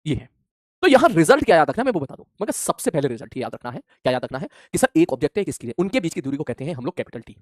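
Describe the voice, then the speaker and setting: Man, physics teacher, rapid, very animated pitch. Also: no room sound, studio quality. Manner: animated, plays out imagined student replies. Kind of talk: classroom lecture.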